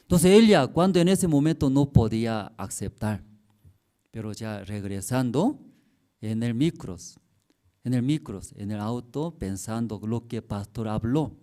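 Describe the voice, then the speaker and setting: A man preaching as a pastor in simple, halting Spanish, telling stories and checking in with the congregation. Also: medium pitch, expressive. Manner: tells stories, acting out dialogue with sudden loud outbursts. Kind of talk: sermon.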